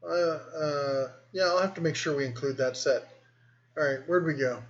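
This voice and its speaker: A man's voice: on the high side, moderate pace, lo-fi sound. A man hosting a casual live stream, reading and answering viewer comments in a rambling, easygoing way. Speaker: host.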